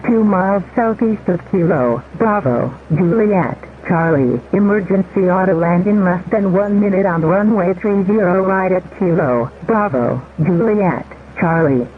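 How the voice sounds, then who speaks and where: A synthetic automated voice reads scripted emergency announcements over aircraft radio, one word at a time. The pitch is middling, and the signal is thin and narrow with faint static behind it. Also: a little slow, hardly any pauses.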